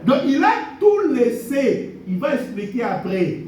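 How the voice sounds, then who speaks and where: A pastor's very high, very animated voice carries through a church hall at a measured pace, slightly mellow in tone. He repeats blessings and key phrases, drawing call-and-response amens from the congregation. Recorded from far off in the echoey hall, the audio has a little hiss or hum.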